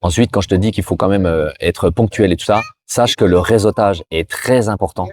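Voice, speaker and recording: A man's voice: deep voice, moderate pace, a little mellow. A man from France giving informal career advice straight to the viewer, often restarting and repeating words as he goes. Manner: talks directly to viewer, frequent restarts and repetitions. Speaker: career advice video host.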